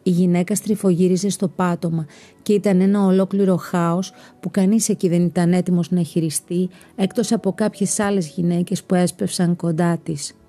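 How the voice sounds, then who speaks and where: Low-voiced woman reading a story. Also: steady tone. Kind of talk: scripted narration. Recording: narration over soft background music.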